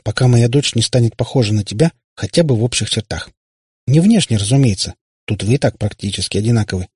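A man's voice: medium pitch, lively intonation, quick pace, darkish tone, husky, dry recording, clean studio sound. A male narrator voicing a tired warlock father who rambles pedantically. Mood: flustered. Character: weary, long-winded warlock father.

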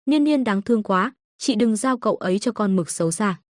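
A woman's voice: mid-range voice, animated, a little fast, no echo, studio quality, lightly acted. A woman voicing a sweet little boy who speaks earnestly and tearfully. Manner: earnest, sobbing.

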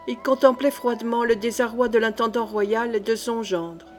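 A woman narrating a historical novel as an audiobook reader, in a measured, even reading. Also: fairly high pitch.

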